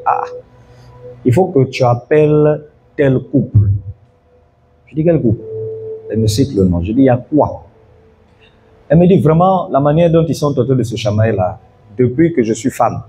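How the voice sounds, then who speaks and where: A man's voice: fairly low pitch, warm tone, husky. Man preaching a story-led sermon. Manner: storytelling preacher, calls out to the congregation. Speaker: pastor.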